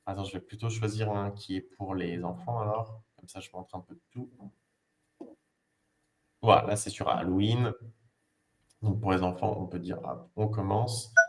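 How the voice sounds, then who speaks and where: A man's voice: lowish voice, steady tone, normal speed, pauses often, noisy background. A man, a language teacher, casually presenting learning games on a video call, explaining step by step with many fillers and hesitations.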